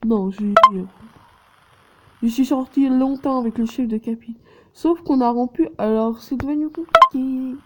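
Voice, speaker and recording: A woman reading the dialogue of a dating game aloud, slowly and haltingly, correcting herself as she goes and adding her own asides. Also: high voice, heavy background noise.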